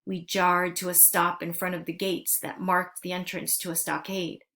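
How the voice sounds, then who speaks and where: A woman narrating a storybook aloud, steady and earnest. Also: lowish voice, moderate pace.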